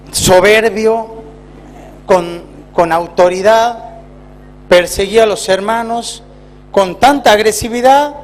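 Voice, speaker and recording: A man with an Argentine accent, a pastor preaching a sermon in a church with emphatic rises and slow, drawn-out phrases. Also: high voice. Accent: Argentine Spanish.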